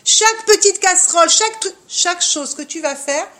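A woman with a high voice leads a lively religious lesson for women. She speaks directly to her listeners and drops Hebrew terms into her explanations. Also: moderate pace. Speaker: religious teacher of a women's class.

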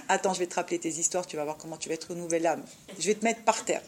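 A woman voicing the evil inclination as a taunting male spirit, in a lower, quieter tone than her own. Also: fast talker, a little hiss or hum, natural voice. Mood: mocking. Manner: sneering, taunting.

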